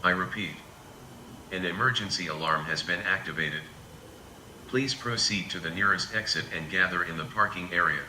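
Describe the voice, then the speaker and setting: A man reading a calm, measured emergency evacuation announcement, played back through a small loudspeaker. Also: low-pitched. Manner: calm, measured, repetitive public-address delivery. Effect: played over a small loudspeaker. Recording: echoey speaker playback with faint noise.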